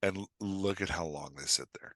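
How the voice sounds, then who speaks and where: A man appears as a podcast guest and writing coach in a casual interview chat, speaking emphatically, often repeating phrases and acting out imagined remarks. His voice sits low with a sharp tone and a moderate pace, and the recording is clean studio sound with no echo.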